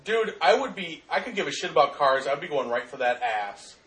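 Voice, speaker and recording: A man with a somewhat high voice riffs in crude, excitable jokes while chatting with friends over a video. He sits a little way from the mic, and the room adds a roomy echo. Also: brisk. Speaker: commentator. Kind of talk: casual chat watching a video. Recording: echoey room, far from mic.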